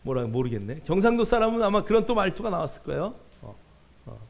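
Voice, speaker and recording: High, gravelly-voiced man preaching. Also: very animated. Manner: conversational preaching with many fillers and drawn-out emphasis. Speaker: pastor. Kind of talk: sermon.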